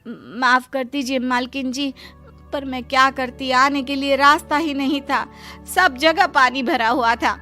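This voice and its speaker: A woman's voice: sits high, fairly even intonation, unhurried, sharp tone, faint music behind, pitched above the performer's own voice. A woman voicing a poor, humble maid in a cartoon story, pleading with her employer. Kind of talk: Hindi cartoon story dubbing.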